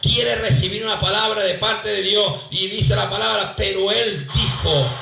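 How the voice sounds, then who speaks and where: A man from Venezuela preaching a fervent church sermon, his voice sitting high and bright. He keeps repeating phrases and calls on the congregation to respond. The sound is heard from far off in an echoey hall. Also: level tone, normal speed, gravelly, a little hiss or hum. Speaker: pastor.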